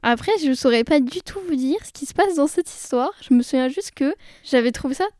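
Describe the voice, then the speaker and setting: A woman's voice: sits high, lively intonation, a little fast, a little mellow, no room sound, studio quality. A young woman casually talking about books she loves, enthusiastic and chatty, with frequent hesitations. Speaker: book vlogger. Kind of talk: casual book chat.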